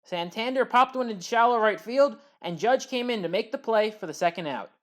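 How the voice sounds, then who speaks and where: A woman commentator gives a scripted play-by-play recap of baseball highlights. She sounds measured and factual, yet expressive.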